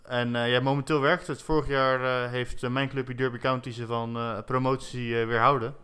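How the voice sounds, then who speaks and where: A man's voice: medium pitch, flat delivery, normal speed, bright, forceful tone, clear, resonant tone. A man co-hosting a casual football podcast, talking with many hesitations and restarts. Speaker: podcast co-host.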